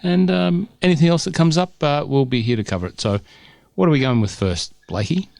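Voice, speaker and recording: Chatty and joking, a man co-hosts a casual, upbeat podcast from his home on a cold winter day via remote call. His voice sits on the high side, gravelly and darkish, moving a little fast, and the recording is dry and studio-clean.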